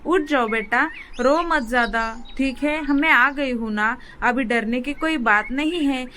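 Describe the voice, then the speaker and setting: A woman's voice: high voice, unhurried, bright, forceful tone, slight background noise. A woman voicing an anxious, caring mother sparrow in a cartoon story. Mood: soothing.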